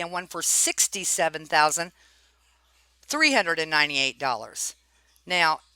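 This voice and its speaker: Reviewing property records, a narrator reads the documents out and adds informal, probing commentary, frequently tacking on check-in questions. The mid-range voice has a sharp edge, and the recording has no echo.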